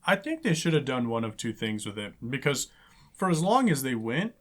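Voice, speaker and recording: Young dude cohost chatting about a movie, stumbles and restarts a lot, mid-pitch plain voice. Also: male voice, big pitch swings, moderate pace. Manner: stammers and restarts, talks while eating. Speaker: podcast co-host. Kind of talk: casual movie review chat.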